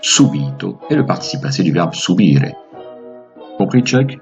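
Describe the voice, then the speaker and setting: Low gravelly man teaching grammar. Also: big pitch swings, moderate pace, darkish tone, muffled recording, soft background music. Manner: upbeat, patient teaching, playful asides. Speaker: language teacher, host. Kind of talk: explaining grammar to viewers.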